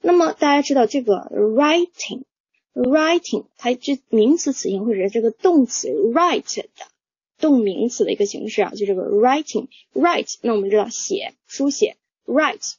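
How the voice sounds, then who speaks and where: A woman with a breathy, husky voice teaches pronunciation at a slow, patient pace, repeating each word aloud for her learners. Her tone is mellow, and the recording sounds dull, lo-fi and dry. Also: fairly high pitch, expressive, no echo. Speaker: English teacher. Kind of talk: pronunciation lesson, repeating words.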